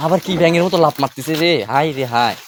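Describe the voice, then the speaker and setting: A man, filming outdoors and calling out excited, half-joking warnings. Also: fairly high pitch, rapid-fire. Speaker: vlogger filming a rooftop "ghost". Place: village yard outdoors, in daytime. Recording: noisy outdoor phone recording.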